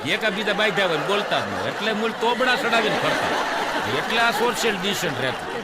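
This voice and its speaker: A man's voice: sits high, big pitch swings, fast talker, a loud crowd, very noisy. A man doing stand-up, telling jokes as stories and voicing the people in them. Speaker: stand-up comedian. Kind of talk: Gujarati stand-up joke telling. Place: stage before a live laughing audience. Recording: live stage with hall reverb.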